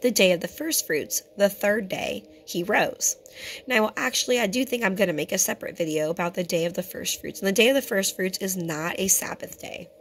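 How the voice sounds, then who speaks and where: Hoarse woman teaching scripture. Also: medium pitch, a little fast, slight background noise. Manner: earnest and conversational, addresses viewers as brothers and sisters. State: hoarse, keeps clearing her throat. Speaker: teacher of a Torah fellowship. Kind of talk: home-made teaching video.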